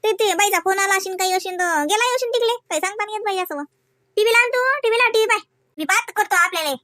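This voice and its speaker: She speaks at an extremely high pitch, pushed and bright, in clean studio audio without echo. Voicing chatty village women for a family cartoon, she gossips in rural Varhadi Marathi from Vidarbha, stretching out kinship exclamations.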